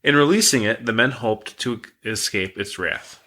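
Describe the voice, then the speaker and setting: Male podcast co-host, low and bright-toned, relaxed rambling storyteller. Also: normal speed. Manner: relaxed, rambling, reads facts aloud.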